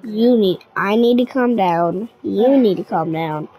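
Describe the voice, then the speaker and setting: This gaming tutorial creator is a young woman with a mid-range, warm voice and an unhurried pace, heard on a rough recording. She talks her viewers through the game in a chatty, direct way, occasionally letting out frustrated grumbles.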